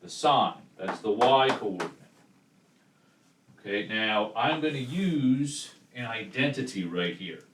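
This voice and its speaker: A man's voice: medium pitch, lively intonation, slow, fairly bright tone. A man teaching a math lesson at a chalkboard, explaining step by step in a casual way, with chalk scratching and clicking behind him. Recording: echoey room, distant mic, background noise.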